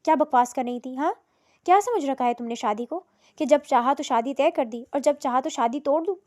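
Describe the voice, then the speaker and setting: A woman's voice: high-pitched, close to an everyday voice. A woman voicing a worried middle-aged mother who pleads and then scolds sharply. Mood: angry. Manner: anxious pleading, sharp scolding when angry.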